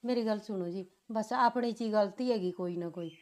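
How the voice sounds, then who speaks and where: A woman with a mid-range, somewhat dark voice that sounds close to everyday speech talks fairly quickly. She plays a scheming daughter-in-law sweet-talking her husband's family in a placating tone.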